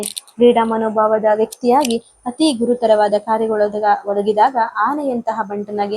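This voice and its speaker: A woman's voice: fairly high pitch, darkish tone, breathy edge, low-quality recording. A woman teacher explaining an exam text, paraphrasing verses and then retelling them in simple everyday words. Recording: half recorded without mic, uneven volume.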